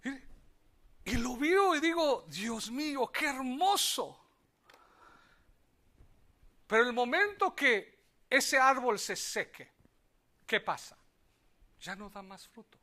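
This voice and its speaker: A man with a Mexican Spanish accent preaching a sermon, swinging between loud exclamations and quiet asides and calling on the congregation to repeat after him. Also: very high-pitched, animated, takes it slowly, long pauses. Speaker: pastor.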